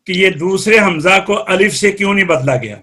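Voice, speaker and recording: Bright high-voiced Urdu tajweed teacher. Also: male voice. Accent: Pakistani Urdu. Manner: explanatory, quizzes students by name. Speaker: Quran recitation teacher. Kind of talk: live online class teaching.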